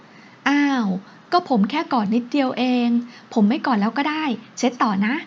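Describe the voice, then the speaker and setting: Woman doing a wheedling young husband. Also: high voice. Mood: pleading. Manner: coaxing, drawn-out pleading. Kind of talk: audiobook character voice. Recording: dull lo-fi recording.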